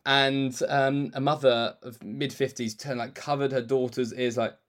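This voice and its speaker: A man's voice: mid-range voice, flat delivery, unhurried. Laughing, playful Englishman. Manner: laughs often, storytelling, playful. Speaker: podcast co-host. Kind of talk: casual chat.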